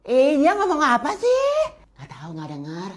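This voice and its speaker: A young woman acting out a loud, teasing comedy sketch in which she mocks a soft-spoken classmate. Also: high voice, wildly swooping pitch, moderate pace. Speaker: sketch performer. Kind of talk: comedy POV sketch, playing several schoolgirls.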